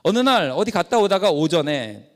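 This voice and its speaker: A male pastor giving a lecture in the style of a sermon, telling an animated story and acting out its dialogue. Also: sits high, normal speed. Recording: long hall reverb.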